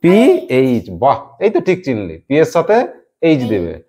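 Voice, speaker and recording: A man's voice: medium pitch, huge pitch swings, normal speed, warm tone. A male teacher runs a classroom lesson, calling pupils by name and praising each answer. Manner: encouraging, quizzing pupils by name.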